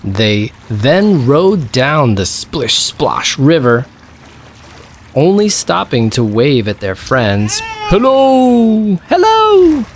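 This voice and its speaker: A man reading a picture book aloud to his child in a slow, lively storytelling tone. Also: mid-range voice, a little hiss or hum.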